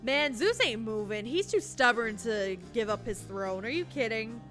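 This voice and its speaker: A woman's voice: fairly high pitch, expressive, normal speed, fairly bright tone, soft background music. A woman streaming a game, joking and chatting with viewers in casual commentary.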